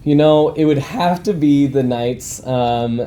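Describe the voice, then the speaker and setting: A man's voice: on the high side, slow, dark tone. A young man in his twenties, a recent graduate being interviewed, talking in an easygoing, rambling way with frequent laughs. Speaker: guest alumnus. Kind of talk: casual interview chat.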